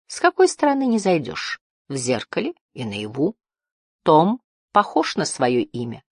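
A woman's voice: low voice, huge pitch swings, measured pace, husky, dry recording, studio quality, heavily acted. A woman reading the lines of a sly, cheerful male merchant with a glib, mock-friendly manner.

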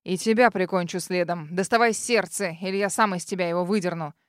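A woman doing a haughty male dragon, low rough scratchy voice, icy and menacing, audiobook fantasy, dry close sound. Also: animated, darkish tone, no room sound, lightly acted. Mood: furious. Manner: cold, menacing, quick to snarl. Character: arrogant cruel male red dragon in human form.

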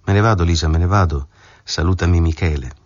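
A smug middle-aged man, mock-friendly and a little mocking, as a male reader puts him on. His voice is low and husky, lifted slightly above the narration. It sounds dull and dry, close to the mic. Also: fast, darkish tone, dry recording. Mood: mock-genial.

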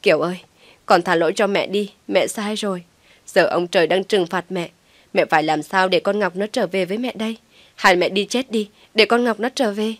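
Distraught elderly mother, tearful, wailing, pleading, loud, woman doing the voice. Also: medium pitch, moderate pace, no echo, close to an everyday voice.

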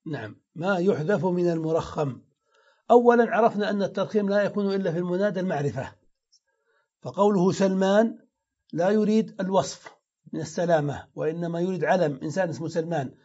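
High-voiced man teaching grammar, muffled. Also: fast, mellow. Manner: explains step by step, repeats example words aloud. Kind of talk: classroom grammar lesson. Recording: dull lo-fi lecture recording.

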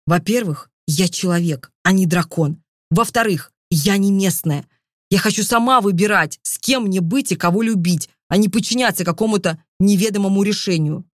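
A scared but stubborn young heroine from a fantasy audiobook, voiced by a woman reader. Her lines come out pitched up, pleading and indignant, with a very dry, close sound and no room echo. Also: moderate pace, close to an everyday voice. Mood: defiant. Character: frightened defiant young heroine.

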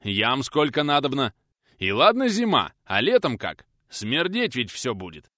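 A man voicing a bearded former outlaw, pious and stubborn, speaking in a gruff, drawling, emphatic way. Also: medium pitch, wildly swooping pitch, measured pace, pushed and bright, dry recording, studio quality, pitched above the performer's own voice, exaggerated voice.

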